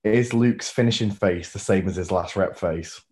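A man's voice: deep voice, normal speed, a little mellow. A man hosting a podcast, asking the questions and teasing his friends in an upbeat, casual way. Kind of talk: casual chat.

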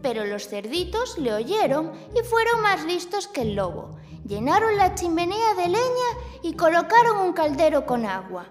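A woman with a Castilian Spanish accent telling a scripted children's story in an animated kids show host manner. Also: very high voice, moderate pace. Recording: long reverb, music bed. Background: children's music.

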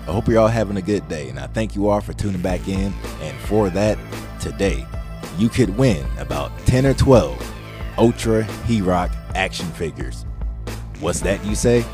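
Male host, deep register, casual solo talk to an audience, light music bed. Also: lively intonation, normal speed. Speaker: show host.

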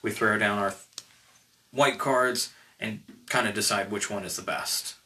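A man's voice: fairly low pitch, a little slow, bright, forceful tone. A man chatting casually over a card game, reading cards aloud and laughing often.

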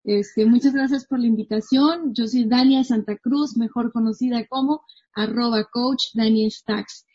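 Speaking from home as a guest in a casual interview chat, a woman in her 30s from northwestern Mexico who works as a marketing coach laughs easily and stays chatty and animated. Her voice is on the high side, husky and unhurried, with lo-fi sound.

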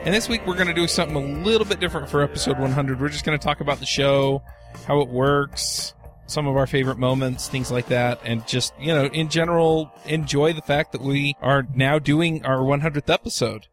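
A man's voice: a little high, fairly even intonation, a little fast, soft background music. A man hosting a podcast panel, leading a casual chat in an upbeat way. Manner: upbeat, runs the conversation. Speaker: podcast host.

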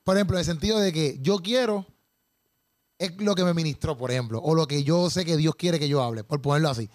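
A man's voice: on the high side, brisk, no room sound, studio quality. A man, a comedian chatting eagerly in a casual conversation.

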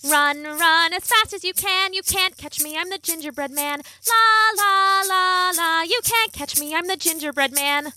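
A woman's voice: high-pitched, expressive, moderate pace, pushed and bright, no echo, faint music behind, voice pushed up. Woman doing a cheeky sing-song gingerbread man. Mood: taunting, sing-song. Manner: taunting sing-song chant. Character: cheeky runaway gingerbread cookie boy.

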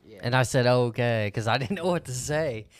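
A man's voice: mid-range voice, fairly quick. A man from the Midwest co-hosting a podcast, talking in a laid-back, joking and slangy way. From American Midwest. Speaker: podcast co-host. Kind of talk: casual podcast chat.

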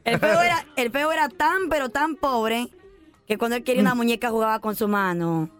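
A woman's voice: on the high side, a little fast, over music. A woman co-hosting a comedy radio show, telling wry jokes. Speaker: radio co-host.

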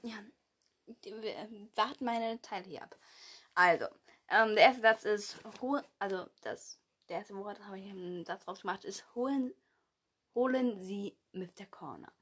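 A woman's voice: mid-range voice, measured pace, fairly bright tone, breathy edge. A woman co-hosting a podcast in casual chat, giggly as she reads out notes playfully. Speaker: podcast co-host.

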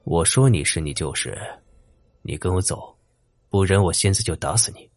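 A man voicing a cruel, greedy male army officer who makes low, quiet threats. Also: moderate pace, no room sound. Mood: menacing.

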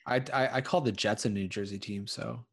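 A man's voice: lowish voice, steady tone, brisk, vocal fry, slightly rough. Chatty man ranting casually. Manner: rambling, gets worked up and repeats himself. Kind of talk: casual chat.

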